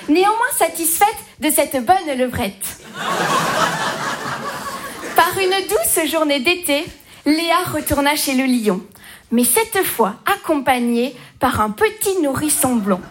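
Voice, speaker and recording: A woman's voice: sits high, noisy background. A woman narrating a bawdy comic fable in rhyming verse, with a playful, sing-song delivery. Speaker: storyteller.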